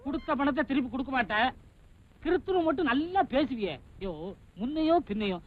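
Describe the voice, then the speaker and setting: A man's voice: extremely high pitch, lively intonation, fairly quick. An indignant man demanding his money back as a moneylender in a film comedy. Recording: dull lo-fi film audio.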